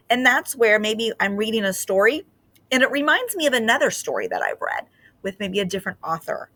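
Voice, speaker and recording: A teacher with a medium-pitched voice talks children through reading ideas in a gentle, patient way, often using fillers. She then switches to reading a picture book aloud, full of expression.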